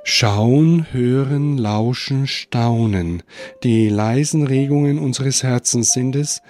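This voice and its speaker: Slow, calm man giving a Christmas reflection. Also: mid-range voice, faint music behind. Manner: calm, measured, contemplative. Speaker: spiritual speaker.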